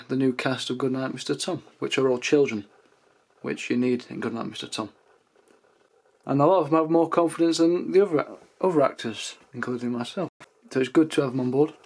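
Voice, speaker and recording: A young man from England, speaking, rambles casually into his camera at home. He tells stories in a loose, chatty way with a mid-pitched voice. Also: a little mellow. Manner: chatty, rambling, acts out drunk anecdotes in raised voices. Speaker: vlogger. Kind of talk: casual vlog rant. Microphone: camera mic.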